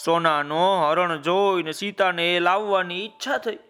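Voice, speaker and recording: Bright high-voiced man telling a story. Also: fairly even intonation, a little slow, clean tone, faint music behind. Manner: calls out to listeners with folksy asides. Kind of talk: children's story narration.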